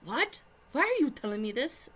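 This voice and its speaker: Flustered, stammering young bird-folk rogue guy, bright and lively, read by a woman. Her own register, no heavy voice. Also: sits high, normal speed, pitched above the performer's own voice, exaggerated voice.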